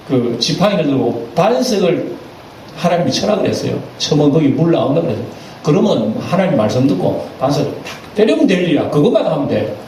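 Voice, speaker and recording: Animated male pastor in an echoey hall. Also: fairly high pitch. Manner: animated, acts out quoted voices. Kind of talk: sermon. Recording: echoey church hall, distant mic, faint noise.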